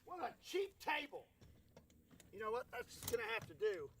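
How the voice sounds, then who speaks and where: A man's voice: very high voice, very animated, normal speed, very noisy. A man hosting a stunt video in a casual, folksy way with joking understatement. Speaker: video host. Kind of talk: casual presenting of weapon stunt tests.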